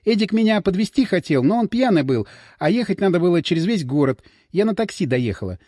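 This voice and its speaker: A man's voice: high-pitched, sing-song, quick pace, warm tone, no echo, clean studio sound. A male narrator voicing a frightened young woman who pleads and dodges questions in an audiobook. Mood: defensive. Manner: pleading, defensive. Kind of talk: audiobook character voice.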